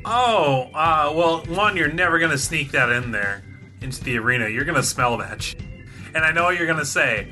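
Very bright-voiced man ranting comically. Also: fairly high pitch, normal speed, faint music behind. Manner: animated, spins comic rants. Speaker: podcast co-host, sports writer. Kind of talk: casual sports podcast chat.

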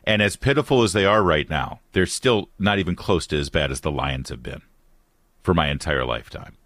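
A man's voice: extremely low pitch, a little fast, dry recording, studio quality. A man hosting a talk radio show, ranting with passion and mocking his opponents before taking calls. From Detroit, USA. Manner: impassioned, mocking, animated. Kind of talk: talk radio monologue and call-in.

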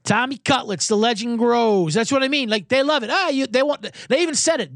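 A man with an extremely high-pitched voice talks fairly quickly in clean, echo-free studio audio. He hosts a sports betting podcast, rambling and riffing through casual, profane betting chat, joking around and slipping into mock accents.

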